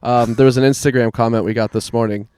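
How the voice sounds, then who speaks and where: A male comedian in casual chat with his co-host. He jokes dryly and throws in wry asides. His voice sits at an ordinary middle pitch, and the recording is close and dry, with no room sound. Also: fairly even intonation, fast talker, darkish tone, clear, resonant tone, dry recording.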